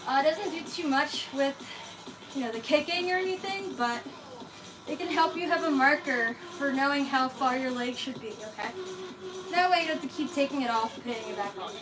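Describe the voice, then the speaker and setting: A woman with a high-pitched voice, talking fairly quickly over music, leads a live workout like an aerobics instructor. She casually gives exercise cues, counts reps and offers encouragement. The audio quality is poor.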